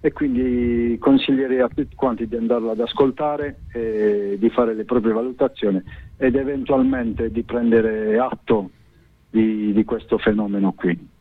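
A man giving a spontaneous radio interview as a guest, speaking earnestly and haltingly. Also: medium pitch, fairly even intonation, dry recording. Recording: thin, phone-like line.

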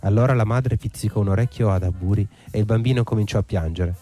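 A man reading a folk tale aloud in a measured, steady way. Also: on the low side. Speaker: storyteller. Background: faint instrumental music.

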